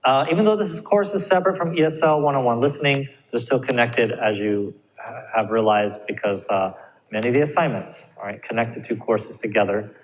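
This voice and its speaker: A man's voice: medium pitch, brisk. A male ESL teacher giving a recorded speaking lesson, encouraging and often checking in with his students. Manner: encouraging, checks in with frequent "all right?". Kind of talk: recorded classroom lecture. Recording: reverberant room with faint ambient noise.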